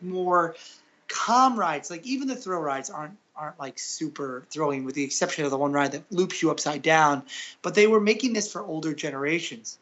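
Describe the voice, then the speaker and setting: A man's voice: on the high side, fairly bright tone, muffled recording. A man chatting as a podcast guest, rambling with lots of uhs, ums and restarts. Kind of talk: casual podcast chat.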